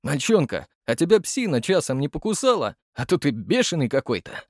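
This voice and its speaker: A man's voice: fairly high pitch, expressive, measured pace, darkish tone, no room sound, studio quality, pitched above the performer's own voice. A man doing a folksy fussing medic. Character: stooped fussy middle-aged male medic.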